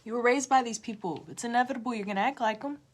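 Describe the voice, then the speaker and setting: A woman tarot reader giving an emotional motivational pep talk to viewers on a livestream, repeating herself and swinging between loud urging and a hushed near-whisper. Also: on the high side, quick pace. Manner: repetitive, direct address to viewers.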